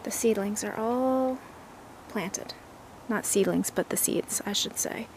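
A woman giving a casual walking tour of her backyard garden, relaxed and admiring, thinking aloud with some fillers. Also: mid-range voice, slow pace, a little hiss or hum.

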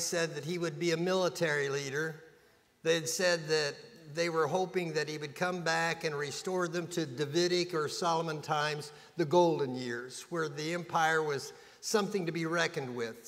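A man's voice: on the high side, a bit bright. A man preaching a sermon in a church, in a folksy, conversational way with touches of humor. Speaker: pastor. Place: church sanctuary. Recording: long reverb of a church hall.

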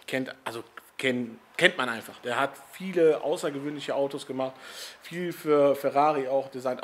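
A man chatting casually about a classic car in his garage vlog, laughing often and tagging sentences with quick questions. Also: medium pitch. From Italian family background. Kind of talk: casual chat.

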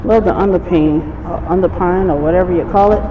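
A woman with a fairly low voice talks rather quickly and breathlessly as she shows viewers around a show home, offering casual admiration while walking through the empty or staged house and its yard. She films on a handheld phone, so the sound is phone quality, with echoey rooms and light background noise.

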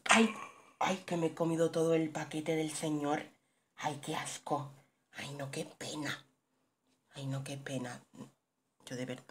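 A woman's voice: low voice, little pitch movement, normal speed, a little mellow, slight background noise. Sarcastic young woman gamer. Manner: sarcastic, jokey running commentary. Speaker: gaming streamer. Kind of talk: playing a horror game. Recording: keyboard clicks behind the voice.

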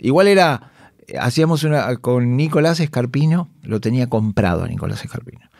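A gravelly, medium-pitched man talks fairly quickly, telling backstage anecdotes in a casual podcast chat with a Rioplatense Spanish accent. The actor and comedian is animated, acts out his colleagues' voices, and laughs often. A studio microphone gives clean studio sound with no echo.

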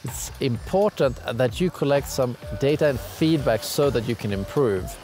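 A man's voice: mid-range voice, expressive, moderate pace, a little mellow. A young man giving a casual ski lesson to camera, outdoors on a mountain. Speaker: ski instructor. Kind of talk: casual instructional talk to camera. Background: music.

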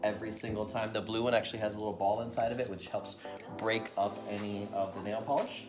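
With music in the background, this pastor in his thirties quickly walks kids through a playful how-to at his dining table at home, patiently repeating each step. His voice is lowish and his delivery flat. The camera recording him sits on the table.

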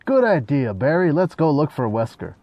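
A man's voice: fairly high pitch, very animated, moderate pace, dark tone, no room sound, muffled recording. A man giving casual gameplay commentary, joking and sarcastic as he talks back at the game.

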